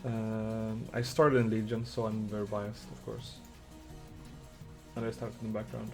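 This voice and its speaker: Young male streamer with a Swedish accent, a bit of fry, swears and talks to himself while coding. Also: lowish voice, level tone, moderate pace, faint music behind. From Sweden. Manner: muttering while coding, swearing, chatting with viewers. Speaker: game developer streamer. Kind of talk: casual live-coding stream.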